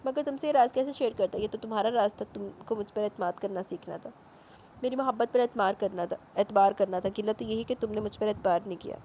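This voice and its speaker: A woman voicing a tender young businessman husband, speaking softly and lovingly in a storybook reading. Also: mid-range voice, fast talker, a little hiss or hum, close to an everyday voice, poor audio.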